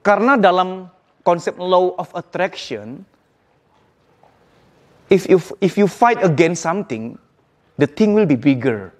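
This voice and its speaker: A man giving a casual psychology talk in a lively way, acting out quoted voices and slipping in English phrases. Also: sits high, slow, pauses often. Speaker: psychology speaker. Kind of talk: casual motivational lecture.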